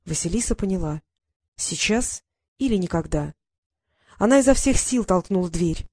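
A woman reading a children's novel aloud as a lively, expressive narrator. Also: on the low side, normal speed. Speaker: audiobook narrator. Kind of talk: scripted narration.

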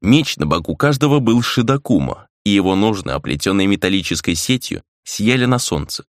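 A man narrating a fantasy audiobook in an even, measured reading. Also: on the low side, no echo, clean studio sound.

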